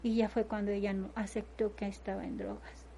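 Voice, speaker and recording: A woman's voice: medium pitch, flat delivery, a little fast, vocal fry, mellow, slight background noise. A middle-aged woman, a mother recounting events at length in an interview, stringing her story together with repeated phrases. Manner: retells events in long chains, often repeating "agarré y". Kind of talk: personal testimony in conversation.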